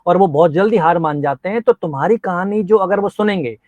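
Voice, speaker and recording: A man's voice: sits high, a little fast, a little mellow, no room sound, highs cut off. A man coaching nursing exam students, interviewing a top scorer in an earnest, encouraging, teacherly way. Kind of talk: motivational interview.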